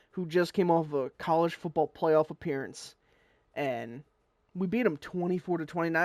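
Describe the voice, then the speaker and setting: A man's voice: on the high side, dry recording, studio quality. A young man giving casual, upbeat commentary on a football video game, rambling and sometimes stumbling over his words. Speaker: gaming YouTuber.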